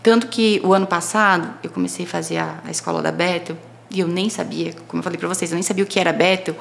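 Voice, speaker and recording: Brazilian woman, podcast guest, creaky gravelly tone, expressive testimony with acted-out dialogue, faint background noise. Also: fairly low pitch, fast. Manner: expressive storytelling, acting out dialogue. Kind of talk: personal faith testimony in casual conversation.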